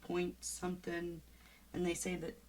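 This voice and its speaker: A woman's voice: lowish voice, completely flat delivery, measured pace, over a noisy crowd. A woman on a podcast, explaining things hesitantly in casual chat.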